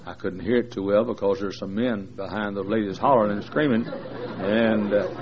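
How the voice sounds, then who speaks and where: A man in his sixties with a fairly low voice speaks at normal speed as a visiting preacher in a large church. He jokes folksily with the big congregation, using many fillers. The recording is dull and lo-fi, with faint noise.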